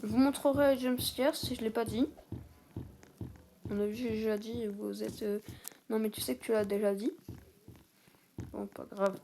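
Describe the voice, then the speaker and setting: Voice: mid-range voice, steady tone, normal speed, gravelly, pauses often, warm tone, slight background noise. A young person giving casual, rambling gameplay commentary in an exasperated, self-conscious way. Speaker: gaming video creator, player. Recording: music behind the voice.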